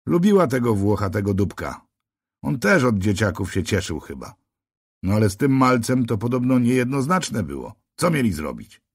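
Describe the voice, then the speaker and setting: A man's voice: mid-range voice, very animated, moderate pace, slightly rough, no echo, studio quality. A man voicing a tired, heavyset male police officer near fifty in an audiobook, matter-of-fact and a little sardonic. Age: middle-aged. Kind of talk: audiobook character voice.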